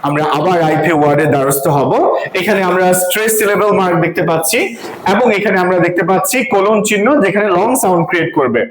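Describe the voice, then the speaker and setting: A woman's voice: lowish voice, quick pace. A woman teaching English pronunciation to a class, quizzing the students and sounding out syllables one by one. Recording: echoey room with loud crowd noise.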